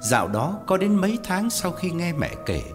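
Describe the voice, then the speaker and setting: A man narrates an audiobook story at a measured pace, his pitch moving in wide, lively swings. A long reverb trails his voice, and soft music plays underneath.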